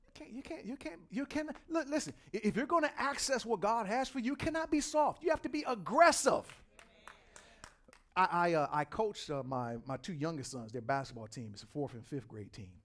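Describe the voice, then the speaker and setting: Male pastor, sermon, high voice, very lively pitch, repeats himself, quiet then loud. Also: fairly quick. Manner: animated preaching, repeats words, swings from quiet to loud.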